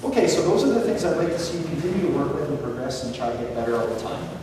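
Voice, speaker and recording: A martial arts instructor gives spoken feedback at a belt test, his slightly high, very animated voice racing yet methodical and encouraging as it projects through a large, echoing training hall. A distant camera mic picks him up from far off, so the sound is echoey, with background noise.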